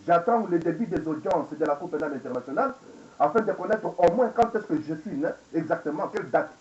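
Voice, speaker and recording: Speaking fast with lively intonation, a man in his 40s unleashes an angry, rambling monologue on an indoor webcam, full of repeated phrases, rhetorical questions and switches into English. His voice is on the high side and darkish, in echoey, dull lo-fi audio.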